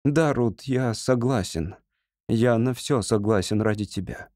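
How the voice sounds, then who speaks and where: A man's voice: medium pitch, unhurried, darkish tone, dry recording, studio quality, natural voice. A man voicing a passionate young winged man in an audiobook reading, speaking ardently. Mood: gentle. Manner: ardent, impassioned.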